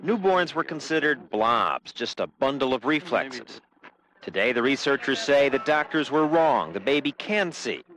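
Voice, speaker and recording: A man narrating a TV news report in a measured, explanatory way. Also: mid-range voice, expressive, fairly bright tone, low-quality recording.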